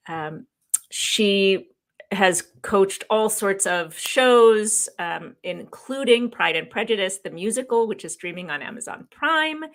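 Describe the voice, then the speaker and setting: A woman co-host with a low voice and a gravelly, creaky edge. She moves from a formal guest introduction into upbeat, easy conversation and laughs readily. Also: fairly bright tone. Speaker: podcast co-host.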